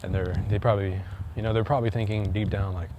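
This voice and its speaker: A man's voice: lowish voice, fairly even intonation, quick pace. A man vlogging outdoors on a walk, talking in a rambling, hesitant way full of fillers and restarts. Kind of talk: casual chat while walking. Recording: loud wind noise on the mic.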